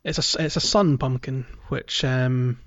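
This co-host of a casual gaming podcast is a man with a steady, fairly bright medium-pitched voice at normal speed. Chatty and easy to amuse, he fills his talk with ums and restarts, and the lo-fi recording sounds dull.

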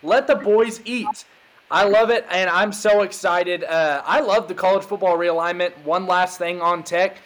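A man's voice: sits high, steady tone, moderate pace, hardly any pauses, a bit bright. A man hosting a podcast, talking college football in a hyped, emphatic casual way. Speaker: podcast host. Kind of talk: casual sports chat.

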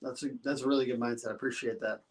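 A man's voice: medium pitch, steady tone, racing. A man hosting a podcast, asking questions in a casual, affirming way. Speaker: podcast host. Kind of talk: podcast interview.

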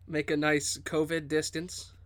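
A man's voice: on the high side, completely flat delivery, measured pace. A man playing a tabletop role-playing game, joking around and putting on voices for his character. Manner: joking, playful, puts on voices. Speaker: player.

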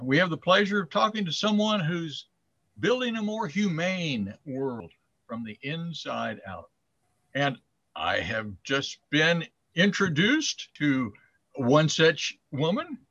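A man hosting an interview show over a video call, friendly and quick to laugh. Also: a little high, fairly bright tone, dry recording, dull audio. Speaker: host. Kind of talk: interview host chat.

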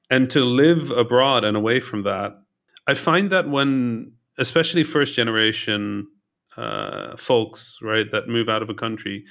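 A man's voice: mid-range voice, a bit bright. Reflective man thinking aloud. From Netherlands. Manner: reflective, thinks aloud with restarts and tag questions. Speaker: podcast guest. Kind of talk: casual interview chat.

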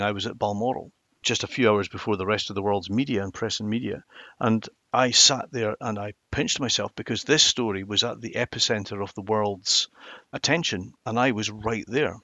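A mature man with a Highland Scottish accent, telling stories reflectively and emphatically in a conversational interview. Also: bright, forceful tone, no room sound. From Inverness, Highlands of Scotland. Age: middle-aged or older. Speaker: interview guest, former television journalist.

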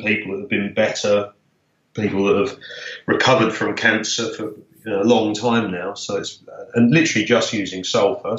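A man with a fairly low voice talks as an interview guest. His manner is informal and easygoing. The sound is muffled and roomy, with noticeable echo. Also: a bit bright. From Essex, England. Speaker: podcast guest, health shop owner. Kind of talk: casual interview chat. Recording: roomy, dull lo-fi call-like sound.

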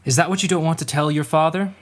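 A man in a student radio drama playing a gentle, patient uncle who speaks calmly and reassuringly. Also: a little high, lightly acted. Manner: calm, reassuring, measured.

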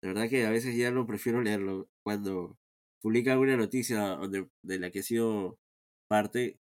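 Peruvian male interview guest, low pitch, reflective and unhurried, repeats words as he thinks. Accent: Peruvian Spanish. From Peru. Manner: calm, reflective, many restarts and repeated words. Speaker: guest, founder of a sports team. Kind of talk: casual interview conversation.

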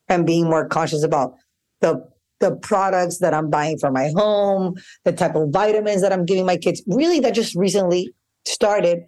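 A woman's voice: fairly low pitch, darkish tone. A woman hosting a podcast, asking long, rambling questions with enthusiasm. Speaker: podcast host. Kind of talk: casual interview conversation.

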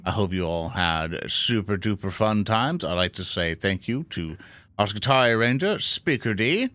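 A man's voice: fairly low pitch, lively intonation, unhurried, a bit bright, no room sound. A man in casual game chat, speaking as a player and host of the show.

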